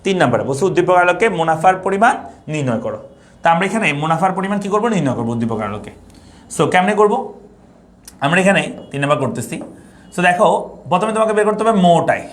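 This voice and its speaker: Young guy teaching econ online, talks fast, kinda high pitched, keeps asking the class stuff. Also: big pitch swings. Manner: repetitive, asks students questions. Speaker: economics teacher.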